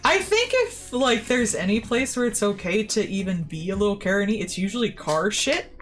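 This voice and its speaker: A woman's voice: mid-range voice, very animated, moderate pace. A woman in casual chat, playful and teasing. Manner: playful, teasing, laughs easily.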